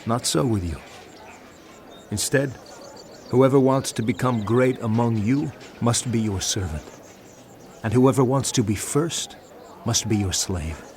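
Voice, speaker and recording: An actor playing Jesus, a calm, authoritative male teacher, speaking in a measured, solemn way in a dramatized Bible reading. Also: medium pitch, slight background noise, natural voice. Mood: earnest. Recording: voice over music bed.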